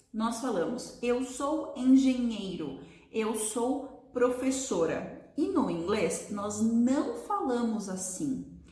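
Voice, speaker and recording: A woman teaching a beginners' English lesson, explaining patiently and drawing out her example words slowly. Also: a little high, a little mellow. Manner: checks in with listeners often. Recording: echoey room.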